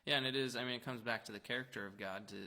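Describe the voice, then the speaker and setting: A man's voice: medium pitch, fairly even intonation, rapid-fire, bright, forceful tone. A man co-hosting a church youth talk show, affirming his partner often and explaining ideas with fillers. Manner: affirming, frequent backchannel. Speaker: church youth leader co-host. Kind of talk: casual faith discussion.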